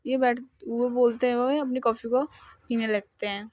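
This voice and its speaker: A woman's voice: a little high, steady tone, moderate pace, dry recording. Storyteller woman, chatty narration, dry close sound. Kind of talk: reading a fan fiction story aloud.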